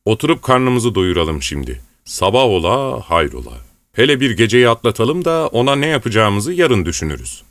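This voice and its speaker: A man voicing a boisterous, commanding male rebel leader in a bantering, loud manner in an audiobook. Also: fairly low pitch, sing-song, normal speed, no echo.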